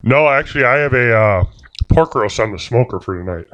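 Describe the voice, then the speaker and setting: A man co-hosting a casual podcast from home, chatting in a relaxed way. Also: medium pitch, brisk, highs cut off. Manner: relaxed, talks while eating. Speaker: podcast co-host. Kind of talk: casual chat. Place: at home, by the computer.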